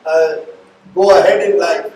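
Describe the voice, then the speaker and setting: Middle-aged Indian-accented male interviewer, high-pitched, discursive, distant in a reverberant space. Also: steady tone, unhurried, darkish tone. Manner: discursive, long reflective questions. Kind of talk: live on-stage interview. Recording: echoey room, distant mic, faint noise.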